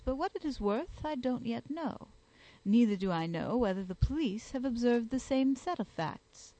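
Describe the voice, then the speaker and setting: A woman reading an audiobook, voicing a calm, methodical male doctor-detective. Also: a little high, lightly acted, rough recording. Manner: composed, dry, methodical.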